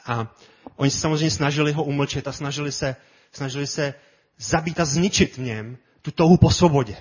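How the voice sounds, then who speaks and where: A man preaching a sermon with passion, often repeating his words and building to loud cries. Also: mid-range voice, highs cut off. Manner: impassioned, repetitive, builds to shouts.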